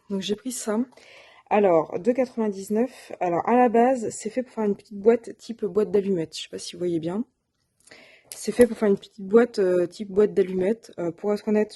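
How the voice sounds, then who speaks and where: Here a woman presents the craft supplies she bought, sounding casual and unsure as she corrects herself and leans on fillers. Her voice sits at medium pitch with a dark tone, in a relaxed show-and-tell style.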